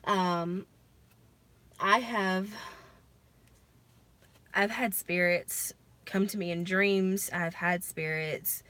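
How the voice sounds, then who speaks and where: An American woman chatting casually on a livestream in a halting, conversational way with some emphasis. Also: mid-range voice, fairly even intonation, fairly bright tone. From lives in Alabama, United States. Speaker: livestream host. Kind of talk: casual livestream chat about personal experiences.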